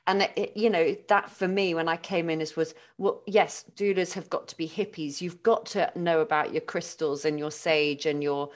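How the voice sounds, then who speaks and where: A woman interviews in an informal, conversational style. Her voice is slightly low for a woman. She moves between asking questions and offering her own reflections. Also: steady tone, normal speed, few pauses. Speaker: interviewer, fellow doula.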